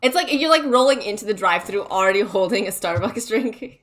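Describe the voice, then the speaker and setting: A woman's voice: medium pitch, animated, a little fast, fairly bright tone. A woman teasing and giggling with friends on a voice call before a tabletop game. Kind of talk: casual group chat.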